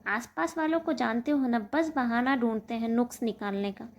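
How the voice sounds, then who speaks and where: A woman voicing a sharp-tongued, scolding old mother-in-law in a told story. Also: fairly high pitch, normal speed, close to an everyday voice. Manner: scolding, loud.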